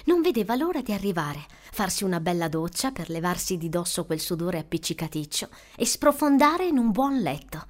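A woman narrating an audiobook, telling a suspenseful story in an expressive way. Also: on the low side, a little fast, few pauses. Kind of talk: scripted narration.

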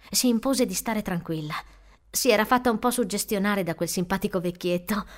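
A woman narrating a suspenseful audiobook with expressive, storytelling delivery. Her voice sits fairly high for a woman. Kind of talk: scripted narration.

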